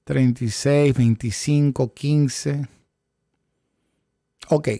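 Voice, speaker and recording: Speaking very slowly in a gravelly, mellow, medium-pitched voice with fairly even intonation, a middle-aged man runs a live online options trading class in Spanish mixed with English terms. He quizzes his viewers and repeats phrases for emphasis, and the close desk studio microphone gives studio-quality sound with no room sound.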